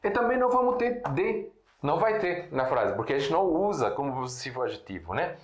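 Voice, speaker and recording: A man from Syria, a native Arabic speaker, giving a casual video lesson at a board, explaining slowly with repeated examples and frequent check-ins. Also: a little high, sing-song. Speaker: Arabic teacher. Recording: echoey room.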